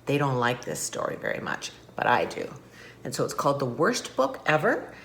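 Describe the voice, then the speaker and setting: A woman's voice: a bass voice, very animated, moderate pace, gravelly, fairly bright tone, a little hiss or hum. An older woman reading a picture book aloud to children, chatty and playful with friendly asides. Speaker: guest reader.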